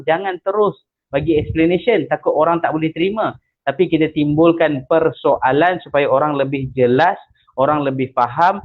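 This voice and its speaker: A man with a Malaysian accent giving a seminar lesson as a religious teacher, a lively storyteller who asks rhetorical questions. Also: fairly high pitch. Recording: tinny phone-like audio.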